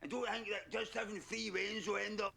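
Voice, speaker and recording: A man playing a brash middle-aged Scottish woman, a former junkie, in a comedy sketch, with a raspy voice and a blunt, defiant ramble. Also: high voice, fairly even intonation, fairly quick, sharp tone, voice pushed up, heavily acted. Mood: indignant. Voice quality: raspy, gravelly.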